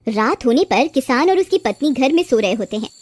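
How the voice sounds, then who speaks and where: Female storyteller for scripted children's tales; high pitch, very expressive intonation. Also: a little fast, background noise.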